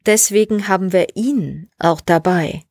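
A woman doing a grumpy old commander, slow and curt. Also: medium pitch, no room sound, clean studio sound. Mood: skeptical. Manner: slow, flat, curt logic. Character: grumpy old male ship commander, gruff.

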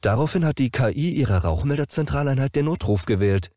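A brisk, kindly hospital nurse from a spoken story speaks plainly and to the point, as a man voices her. The pitch sits clearly higher than the reader's own, with a lively melody. The sound is dry and close. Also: no room sound, lightly acted.

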